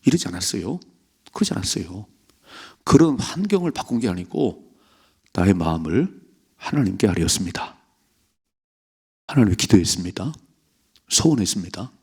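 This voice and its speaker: A man, a pastor, preaching an early-morning prayer sermon in a church, reading scripture aloud and telling the story with lively, animated delivery. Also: deep voice, vocal fry, slightly rough. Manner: animated preaching, acting out biblical figures' voices; reads scripture aloud slowly. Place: church sanctuary.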